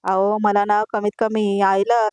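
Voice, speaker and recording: A woman reading the lines of an anxious young husband who scolds his wife with rapid, exasperated questions, in a dry recording. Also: medium pitch, level tone, darkish tone, clear, resonant tone, dry recording, lightly acted.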